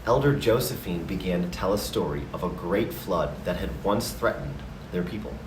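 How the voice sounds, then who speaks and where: A man narrating a scripted story slowly, in a calm, gentle and measured manner. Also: sits low, echoey room, recorded from a distance, noisy background.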